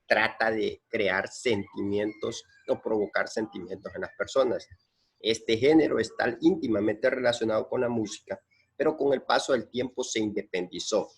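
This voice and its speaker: A man's voice: on the low side, normal speed, breathy edge. A man teaching a lesson, patiently explaining and repeating points and counting syllables aloud. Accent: Central American Spanish.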